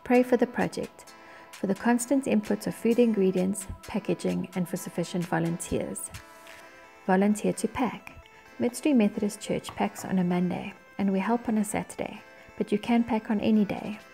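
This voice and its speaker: A woman's voice: mid-range voice, moderate pace, gravelly, dark tone, faint music behind. A woman with a South African accent reading scripted church announcements.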